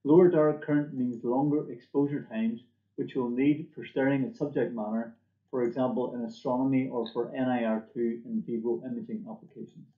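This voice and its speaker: A middle-aged man, acting as company presenter, reads a scripted product presentation at an indoor desk in a mid-range voice with fairly even intonation and a fairly quick pace. He appears on webcam in an indoor room, and the room echoes while the audio sounds dull and muffled.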